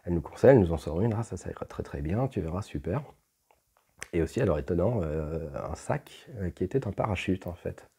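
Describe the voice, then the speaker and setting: A man's voice: sits low, animated, a little fast, creaky, dark tone, husky. A man telling a personal story at home in a casual, rambling way, with many fillers and restarts. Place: at home, with pets.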